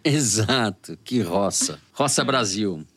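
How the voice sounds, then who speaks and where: A man's voice: lowish voice, expressive, slow pace, fairly bright tone. A man with a Brazilian Portuguese accent co-hosting a political podcast, reading listener letters aloud in a wry, playful way. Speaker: podcast co-host.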